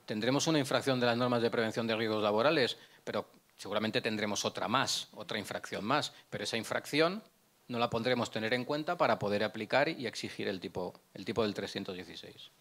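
Holding a handheld microphone in an indoor conference room, a middle-aged prosecutor gives a lecture with slides. His voice sits on the low side, a bit bright, and he talks quickly. He explains step by step, poses questions to himself and frequently restarts his sentences.

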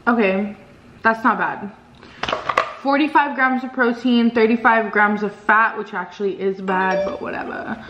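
A woman's voice: on the high side, fairly even intonation, a little slow, lo-fi sound. A woman chatting casually to her camera in a vlog, giggling and laughing often as she talks. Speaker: vlogger. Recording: echoey room with loud noise.

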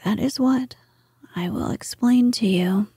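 A woman voicing a gentle, wise and very old grandmother in a slow, hushed whisper, reading a storybook. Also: a little high, slightly rough, dry recording, heavily acted. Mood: gentle assurance. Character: ancient wise grandmother lady, gentle and calm.

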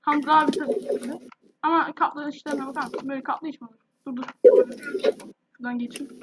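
Heavy background noise surrounds a high-pitched woman, a gaming YouTuber whose throat is sore and irritated. She delivers casual, chatty gameplay commentary directly to her viewers.

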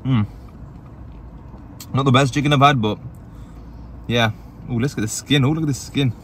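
A man's voice: mid-range voice, normal speed, a bit bright, a little hiss or hum. A man reviewing food in a parked car, chatty and upbeat, talking while he eats. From England. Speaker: food reviewer and channel host. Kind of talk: casual food review vlog.

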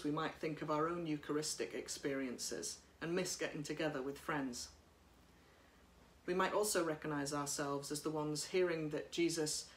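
A woman priest giving a sermon at home, speaking in a gentle, reflective way while reading from notes, recorded by a camera across a room. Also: sits low, reverberant, a little hiss or hum. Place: living room by a bright window.

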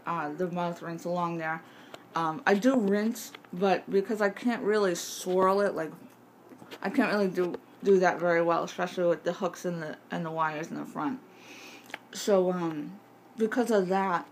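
A woman in her twenties or thirties chatting casually to camera in a halting, rambling way, her speech slightly impeded by a bite splint wired in her mouth. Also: lowish voice. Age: 20s to 30s. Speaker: vlogger showing jaw surgery recovery. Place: home kitchen. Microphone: phone at arm's length. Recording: faint background noise, handheld device.

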